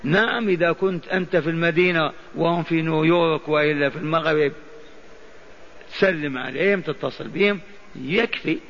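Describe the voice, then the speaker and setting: A man's voice: on the high side, fairly quick, fairly bright tone. An older man giving a mosque lesson on hadith, putting questions to his listeners and answering them himself. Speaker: Islamic scholar teaching hadith. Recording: dull lo-fi archive recording.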